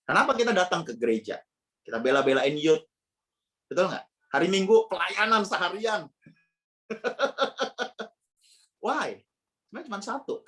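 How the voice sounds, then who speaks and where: A man's voice: a little high, a bit bright. A man preaching a casual youth sermon, firing slangy rhetorical questions at his listeners.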